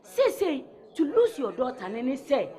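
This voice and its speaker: A woman's voice: high-pitched, sing-song, moderate pace, warm tone. A distressed Ghanaian mother. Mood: pleading. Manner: pleading and argumentative, mixing Twi and English. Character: distressed mother arguing over her daughter. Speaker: actress. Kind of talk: Ghanaian movie acting. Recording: film audio with background music.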